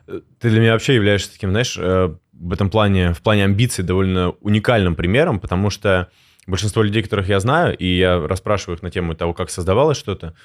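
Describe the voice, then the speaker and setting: Fast-talking low-voiced male interviewer. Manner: quick, engaged, long questions. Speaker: interviewer, host. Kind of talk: casual interview.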